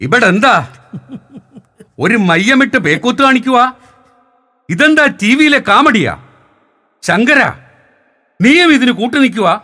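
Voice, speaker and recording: A man's voice: very high voice, expressive, measured pace, long pauses, pushed and bright, heavily acted. A young man on stage playing a blunt older man living in an old-age home, scolding the others. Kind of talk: stage comedy drama.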